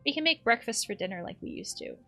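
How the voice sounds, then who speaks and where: Lady reading out a soft worried mom, bright high voice that goes up and down a lot, gentle and motherly. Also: expressive, fast talker, faint music behind. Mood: soothing. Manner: gentle, motherly, reading in-game dialogue aloud. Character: caring worried middle-aged mother.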